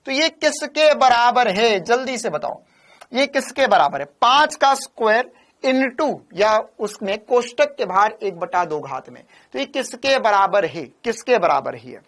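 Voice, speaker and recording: A man's voice: sits high, expressive, unhurried, fairly bright tone. A male physics teacher giving an online coaching class, repeating phrases and firing questions at his students. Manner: keeps asking viewers to confirm and give a thumbs up.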